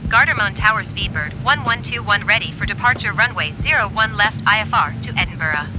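A man with a high voice talks like an airline pilot on a cockpit headset, reading back clearances in short, crisp radio phrases. Loud music plays underneath his calls. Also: animated, fairly quick, rough recording. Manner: crisp, clipped radio readbacks. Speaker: flight sim player acting as pilot. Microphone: headset mic.

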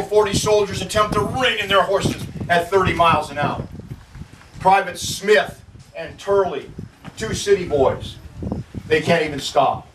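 High-voiced ranger telling history dramatically. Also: male voice. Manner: vivid, acts out quotes. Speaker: park ranger. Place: outdoor battlefield site. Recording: echoey, distant from mic, faint noise.

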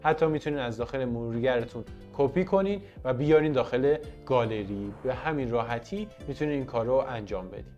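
A man's voice: mid-range voice, few pauses, warm tone, highs cut off, faint music behind. A man presenting a casual tech tutorial in a chatty, playful way, talking to his viewers as friends. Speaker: tech vlogger.

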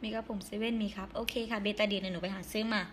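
A hoarse young woman chatting casually on a live stream, giggling and reading viewer comments aloud. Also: medium pitch, fairly even intonation, racing, a little hiss or hum.

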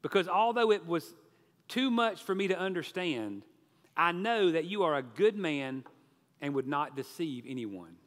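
An eager young debtor bursts out in high, loud exclamations, as a preacher acts him out. The voice rings with a long church reverb. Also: male voice, lively intonation, measured pace. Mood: earnest. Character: excited grateful young male debtor.

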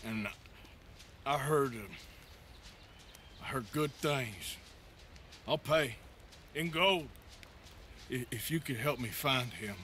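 An actor playing a gruff, wry cowboy bounty hunter in a western video game. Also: male voice, medium pitch, slow, pauses often, a bit bright, slight background noise. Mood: coaxing.

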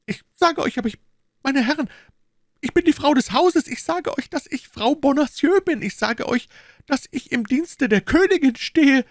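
A man's voice: lively intonation, normal speed, no echo, clean studio sound. A man doing a desperate pleading young woman. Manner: high falsetto cries, pleading.

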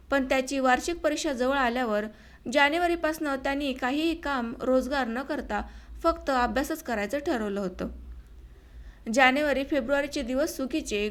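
A woman with a high voice reads an autobiographical novel aloud as an audiobook. Her reading is steady and measured, and she gives the dialogue its own voices. The style is scripted narration throughout.

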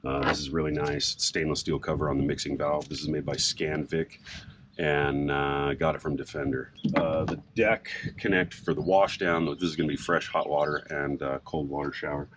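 A middle-aged man casually explaining a boat project outdoors in a sailboat cockpit, relaxed and rambling with frequent fillers. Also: extremely low pitch, normal speed. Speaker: sailboat owner and vlogger. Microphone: camera on a mount a few feet away. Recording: outdoor recording with background noise.

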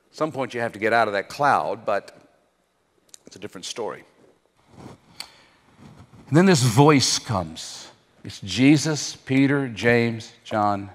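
A man preaching a sermon, asking the crowd rhetorical questions and leaving dramatic pauses. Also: medium pitch, in a large hall. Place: church hall.

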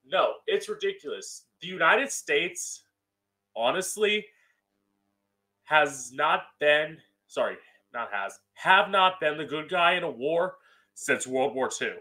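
A man's voice: a little high, animated, takes it slowly, pushed and bright. A man with a campy drag queen delivery, giving an emphatic, opinionated monologue as host into a close studio mic. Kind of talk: solo opinion monologue to camera. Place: small room at home, indoors. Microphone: close studio mic on boom arm with pop filter.

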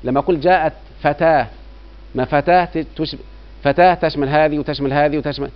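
A man's voice: on the high side, fairly even intonation, quick pace. A middle-aged man with an Egyptian Arabic accent teaching grammar, constantly asking his students whether they follow. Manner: keeps quizzing students with rhetorical checks. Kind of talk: classroom lecture. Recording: dull lo-fi recording.

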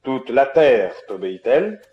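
The solemn eldest magician. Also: male voice, medium pitch, big pitch swings, unhurried, highs cut off. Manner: solemn, ceremonial questioning. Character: eldest magician, old, solemn and wise man. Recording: roomy echo, background music.

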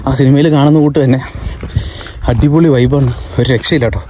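A man with a Kerala accent, medium-pitched and fairly quick, narrates a casual travel vlog in Malayalam sprinkled with English words. He's from Kerala, India, and is walking a hill path outdoors. The handheld recording picks up a lot of outdoor noise.

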